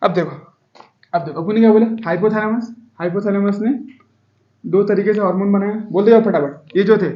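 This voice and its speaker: A man's voice: sits high, fairly quick, reverberant, muffled recording. A male biology teacher giving a classroom lecture in Hindi, repeatedly asking students to call out the answers. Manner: quizzing students with repeated call-and-response questions.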